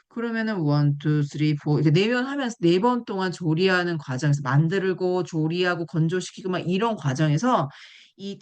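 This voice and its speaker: A woman giving a classroom nutrition lecture, explaining with examples and asking the audience questions. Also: lowish voice. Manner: animated, asks the class questions.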